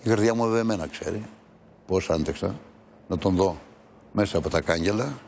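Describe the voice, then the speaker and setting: Older man, earnest, low voice, telling his story. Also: creaky, a little mellow, slight background noise. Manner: earnest storytelling, acting out quoted dialogue. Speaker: priest and father of the accused. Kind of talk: emotional personal account on a talk show. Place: television studio.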